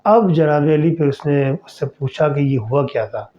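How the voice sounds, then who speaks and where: A man hosting a podcast, telling a horror story in a chatty, conversational way and speaking directly to the listener. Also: on the high side. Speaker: storyteller host. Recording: slightly dull lo-fi recording.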